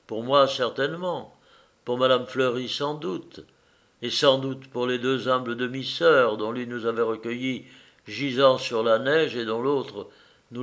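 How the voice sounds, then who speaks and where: A man reads a first-person novel aloud as an audiobook narrator. His delivery is measured and expressive, in an ordinary middle pitch. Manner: measured, expressive literary reading.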